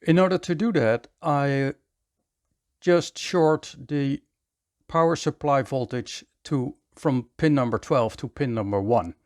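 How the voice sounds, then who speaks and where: Speaking at a medium pitch, a man teaches electronics repair hands-on, moving methodically from step to step and often repeating brief phrases.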